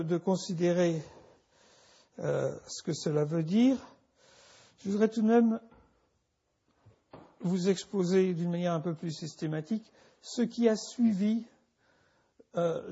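At an unhurried pace, a man lectures at a university, halting constantly, restarting phrases and repeating words. His husky, gravelly voice sits a little high with a dark tone, and the recording is dull and lo-fi.

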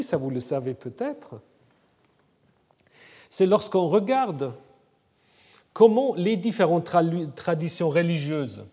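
Male lecturer, slightly high, mellow voice, conversational, recorded in a long-reverb hall. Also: breathy edge. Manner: conversational, frequent "hein?" tag questions. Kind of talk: academic lecture.

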